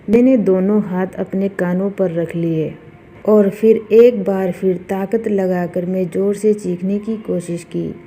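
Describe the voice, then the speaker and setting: A woman narrates a horror story in a slow, measured delivery. Her voice is very dark and mellow, and her tone is hushed and dramatic. A faint noise sits under the recording. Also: medium pitch.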